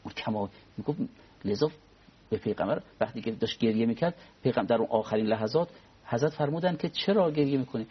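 A man speaking as a cleric guest on a religious talk program, explaining in a measured way and quoting Arabic prayers. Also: medium pitch, expressive, husky, highs cut off. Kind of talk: religious discussion.

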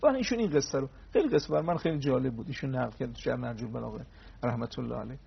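On a TV program, a man delivers a religious talk, retelling old stories, acting out their dialogue, and adding pious honorifics as he goes. His voice is medium-pitched and husky with vocal fry, and the sound is lo-fi.

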